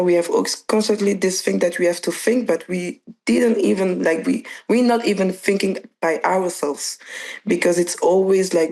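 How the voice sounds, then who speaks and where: A woman's voice: lowish voice, dark tone. A young woman from Belgium, a dancer and choreographer, chatting loosely as an interview guest, with frequent restarts and fillers. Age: young adult. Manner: loose and searching, full of restarts and "like". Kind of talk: casual interview chat.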